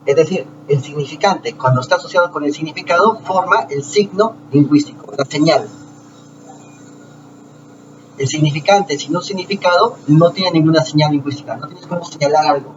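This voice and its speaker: A man talking to his viewers in a casual lecture, explaining slowly with rhetorical questions and frequent restarts. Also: a little high. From Peru. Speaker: channel host. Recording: distant lo-fi mic with noise.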